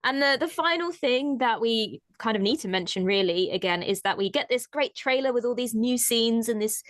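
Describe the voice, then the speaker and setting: A woman co-hosting a casual fan chat show, chatty and quick to laugh, with hedging fillers. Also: on the high side, lively intonation, no room sound. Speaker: podcast co-host.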